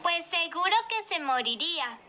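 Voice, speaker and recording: A woman's voice: very high voice, animated, moderate pace, pushed and bright, slight background noise, exaggerated voice. A woman voicing a curious, inquisitive young child in a scripted educational video.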